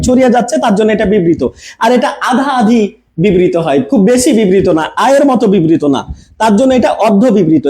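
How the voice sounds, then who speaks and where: A man's voice: high-pitched, mellow, reverberant. A man teaching a video lesson, demonstrating sounds aloud and asking and answering his own questions.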